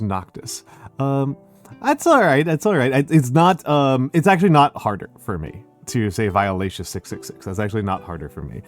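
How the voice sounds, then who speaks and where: A man with a Northeastern American accent chatting as a livestream host in a smooth, measured public-speaker or teacher voice, often halting and repeating his phrases. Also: mid-range voice, darkish tone. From Northeastern United States. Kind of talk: casual livestream chat. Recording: music behind the voice. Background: music.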